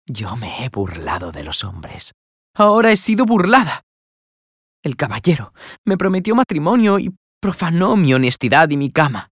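A man voicing a passionate, desperate young fisherwoman who cries out in a raised falsetto. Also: big pitch swings, normal speed, breathy edge, no echo, clean studio sound, heavily acted. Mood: anguished.

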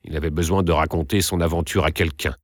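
A man narrating a classic novel aloud in an expressive, theatrical reading style. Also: sits low, quick pace, no echo, clean studio sound.

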